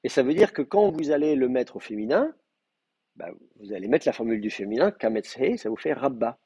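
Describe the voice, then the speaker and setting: Gravelly-voiced man teaching a class. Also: mid-range voice, expressive, a little fast, dark tone, no room sound, muffled recording. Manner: explanatory, frequent hesitations and fillers. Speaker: Hebrew teacher. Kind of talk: live class lecture.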